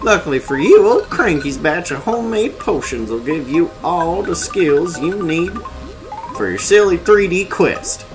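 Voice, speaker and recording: Video game role: male actor as cranky elderly ape scientist, unhinged villain manner, high, mocking, hammy; prominent music underneath. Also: very animated, measured pace. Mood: scolding, mocking. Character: crazy cranky old ape mad scientist. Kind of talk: hammy video game character read-aloud.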